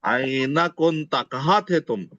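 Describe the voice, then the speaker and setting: Male teacher, slightly high voice, drills vocabulary by slow repetition, muffled dry online-class sound. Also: fairly bright tone, dry recording. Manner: drills words slowly, repeating each several times. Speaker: Arabic teacher.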